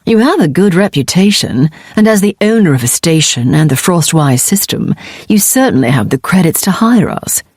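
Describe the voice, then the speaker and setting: A woman's voice: fairly low pitch, lively intonation, normal speed, darkish tone, slightly rough, no room sound, studio quality. Woman voicing a coolly sarcastic mercenary captain. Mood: matter-of-fact. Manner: conversational, sarcastic menace.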